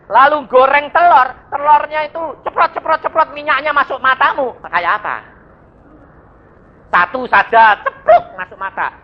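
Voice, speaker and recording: Animated man preaching. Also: extremely high pitch. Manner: lively storytelling, acts out voices and sound effects. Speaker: evangelist preacher. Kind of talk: sermon. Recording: dull lo-fi sermon recording.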